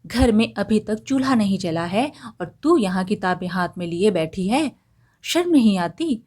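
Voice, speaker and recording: A stern middle-aged mother-in-law who nags and commands without pause, voiced by a woman reading a story aloud. Her scolding comes at a slow, deliberate pace, harsh and domineering throughout. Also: medium pitch, natural voice. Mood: angry scolding. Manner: harsh, nagging, bossy.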